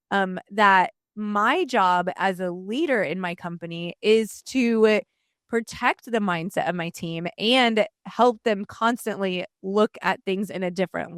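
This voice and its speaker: A woman's voice: mid-range voice, no echo, studio quality. A woman hosting a podcast interview, chatty and casual with frequent fillers. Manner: warm, chatty, many fillers. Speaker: podcast host.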